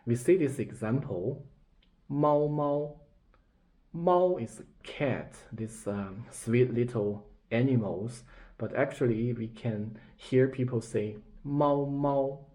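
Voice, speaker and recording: Chinese-accented male teacher, unhurried, patient, repeats each example word. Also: medium pitch, mellow. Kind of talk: slow explanatory lesson.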